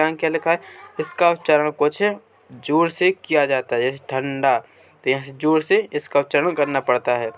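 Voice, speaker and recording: A man teaching a Hindi grammar lesson from a workbook, reading passages aloud slowly and answering his own questions as he goes. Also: on the high side, smooth.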